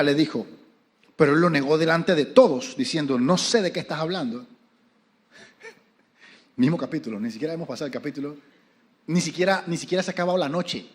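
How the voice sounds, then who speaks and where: A male pastor with a Panamanian Spanish accent delivers a sermon in a slightly high voice. He tells the story with dramatic swings and keeps questioning his listeners.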